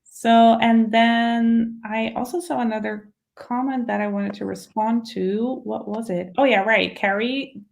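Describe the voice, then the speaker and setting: A woman's voice: a little high, steady tone, unhurried, gravelly, few pauses, a little mellow. A woman in her thirties chatting casually as a live stream co-host, often feeling her way through her phrasing. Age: 30s. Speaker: online book channel co-host.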